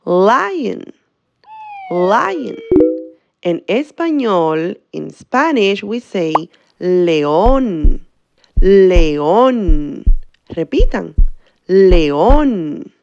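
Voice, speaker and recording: A woman's voice: mid-range voice, very animated, vocal fry, darkish tone, dull audio. A woman teacher giving a bilingual vocabulary lesson for children, drawing out each word for the class to repeat. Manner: slow, drawn-out words for repetition.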